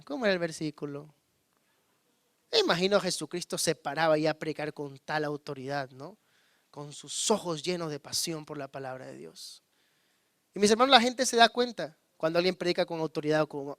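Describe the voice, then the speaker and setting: Man, pastor, high voice, dry close sound, loud and hushed by turns. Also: animated, a little fast, dry recording. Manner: calls on the congregation to repeat words; swings between loud emphasis and hushed low asides. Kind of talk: sermon.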